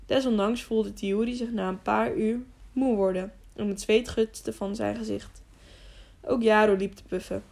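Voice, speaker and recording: A woman reads a storybook aloud in a calm, steady voice. Her pitch sits right in the middle of the range for women. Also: unhurried, gravelly. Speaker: audiobook narrator. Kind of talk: scripted narration.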